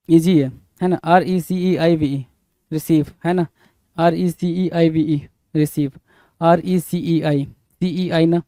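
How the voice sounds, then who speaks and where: A man's voice: on the high side, warm tone, no room sound. A man teaching an exam-prep spelling lesson, spelling each word out letter by letter and repeating it several times.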